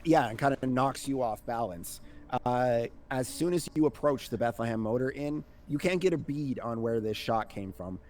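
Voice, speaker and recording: A man narrating a tabletop game casually as game master, halting and sweary. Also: medium pitch, a little mellow, faint music behind.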